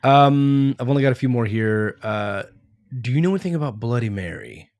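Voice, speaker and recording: A middle-aged man talks in a loose, casual podcast chat. His pitch jumps around freely as he acts out old sayings. The sound is close and dry. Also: expressive, moderate pace, a little mellow, no room sound. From Texas. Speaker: podcast co-host, father.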